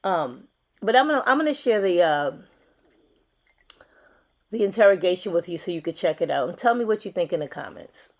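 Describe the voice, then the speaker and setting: A woman's voice: lowish voice, lively intonation, fairly quick, pauses often, a little mellow. A woman hosting a true crime commentary channel, talking casually and chattily with fillers.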